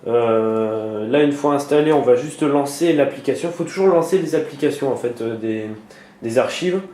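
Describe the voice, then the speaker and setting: A man walks viewers through a screen-recorded computer tutorial at a moderate pace, often pausing on fillers and restarting. His voice is mellow and dark at a middle pitch. The room echoes, with a faint hiss underneath.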